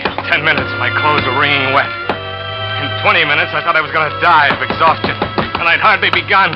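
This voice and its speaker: This muffled old radio broadcast with music features an actor in a 1940s drama voicing a desperate man who recounts his own botched murder plot. He began as a scheming lover and ends up a trapped victim, his tense, driven first-person narration building to panic. His voice is on the high side and brisk, with fairly even intonation and light acting.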